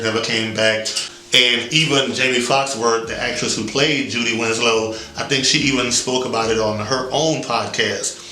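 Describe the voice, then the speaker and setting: Man, casual vlog commentary, forceful bright tone, loose and hedging, roomy echo. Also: medium pitch. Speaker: vlog host.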